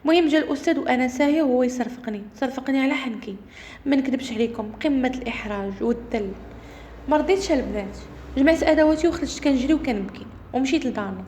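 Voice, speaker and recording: A woman with a Moroccan Arabic accent telling a first-person horror story in a brisk, suspenseful way. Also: high-pitched, darkish tone, slight background noise.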